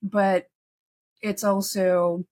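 A woman from Texas chats as a podcast guest, telling stories with quick asides and easy humor. Her voice sits at an ordinary middle pitch. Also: little pitch movement, darkish tone. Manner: chatty, storytelling, quick asides. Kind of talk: casual conversation.

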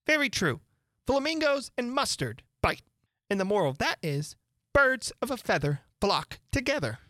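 A reader voicing a fussy old duchess who moralizes about everything, in a high sing-song way. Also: big pitch swings, normal speed, bright, forceful tone. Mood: preachy. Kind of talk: audiobook character voice.

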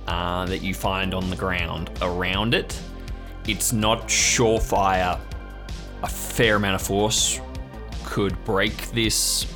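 A man with a lowish, slightly bright voice acts as game master for an improvised audio drama game, narrating in a suspenseful, descriptive style. Music plays behind his voice.

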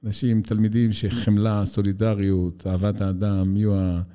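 A man's voice: on the low side, flat delivery, dark tone, smooth. A man interviewing in a reflective, conversational way, searching for words through long, hesitant questions. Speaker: interviewer and school educator.

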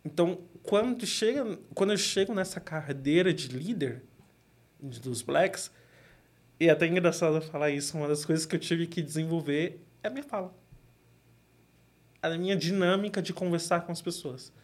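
A young man from Brazil with a São Paulo accent, talking casually as an interview guest, relaxed and quick to laugh. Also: fairly high pitch. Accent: São Paulo Portuguese. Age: young adult.

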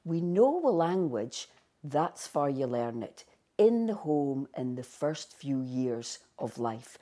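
A woman's voice: rumbling low, very animated, takes it slowly, mellow. A woman with a North East Scottish Doric accent, a researcher explaining emphatically in an interview. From Buckie, North East Scotland. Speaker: language researcher.

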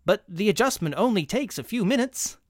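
A man's voice: sits high, expressive, a little fast, no echo, studio quality, pitched above the performer's own voice. A man voicing an eager, fawning male shop clerk who hesitates and pleads.

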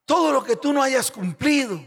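Male pastor, very high voice, fiery call-and-response sermon, reverberant hall. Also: lively intonation, normal speed, creaky. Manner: call-and-response, urging the congregation to answer aloud; swings between shouting and quiet, hushed storytelling. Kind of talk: preaching a sermon.

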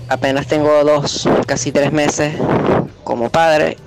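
A man's voice: on the high side, level tone, slow pace, creaky, over loud music. Young Venezuelan man leaving a voice message. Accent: Venezuelan Spanish. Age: 20s. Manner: earnest, hesitant, with fillers and soft laughs. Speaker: caller. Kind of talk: voice message to a radio show.

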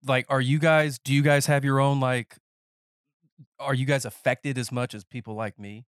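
A man's voice: mid-range voice, fairly even intonation, normal speed, smooth, no room sound. A man in his thirties chats through a podcast interview with a congested, faintly nasal voice. He wanders off on tangents and cracks jokes as he goes. The sound is dry and close, with no room around it. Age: 30s. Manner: rambling, self-interrupting, joking. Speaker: podcast host. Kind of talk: casual interview chat. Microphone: headphones and podcast mic.

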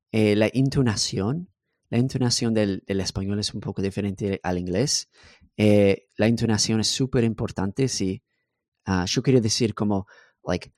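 A man whose first language is English, a software engineer talking as a podcast guest in a relaxed way, with many fillers and English words slipped in. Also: fairly low pitch, no echo, clean studio sound. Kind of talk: casual interview conversation.

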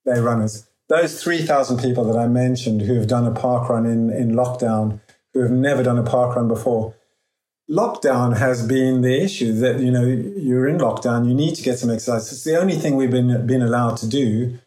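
Reflecting earnestly on his running event as its founder, an interview guest with a faint Zimbabwean accent often pauses and restarts his sentences. His medium-pitched voice is mellow, heard with a roomy echo.

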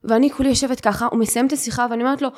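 A young woman hosting a podcast, telling her own story with feeling and acting out the voices of the people in it. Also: on the high side. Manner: animated, acts out quoted voices. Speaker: podcast host. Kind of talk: emotional personal storytelling.

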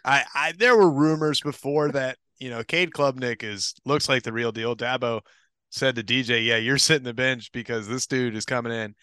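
A man's voice: mid-range voice, steady tone, moderate pace, pushed and bright, clear, resonant tone, no room sound. A young man co-hosting a casual sports podcast, giving chatty, confident takes. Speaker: podcast co-host.

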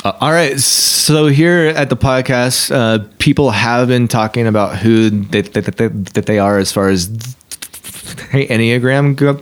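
A man's voice: mid-range voice, unhurried, smooth. A man co-hosting a podcast, chatting casually and prodding guests with playful questions. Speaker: podcast co-host. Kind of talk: casual chat.

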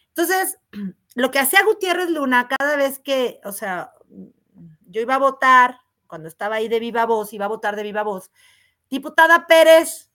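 A woman with a loud, resonant voice, telling stories as a guest in a casual interview with lots of quick asides. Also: mid-range voice. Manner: animated, rapid storytelling full of "o sea" asides. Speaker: congresswoman guest.

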